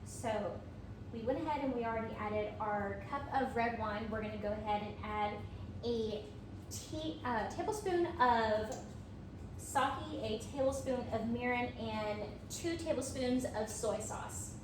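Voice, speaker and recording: A woman's voice: fairly high pitch, a little slow. A woman giving a casual cooking vlog walkthrough from her home kitchen in a friendly, chatty way. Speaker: home cook. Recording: echoey room, voice from a distance, noisy.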